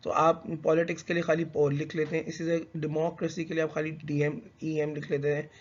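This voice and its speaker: A man's voice: on the high side, monotone. A male teacher explaining a lesson in a conversational, hesitant way, with fillers and self-corrections. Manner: reads English slowly, then explains in conversational Hindi mixed with English. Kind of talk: explanatory lecture. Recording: dull lo-fi recording.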